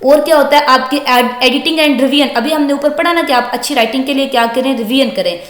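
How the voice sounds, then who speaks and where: High-voiced woman lecturing. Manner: reads English lines slowly then explains them at length, patient and repetitive. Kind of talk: recorded online lecture. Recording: echoey room.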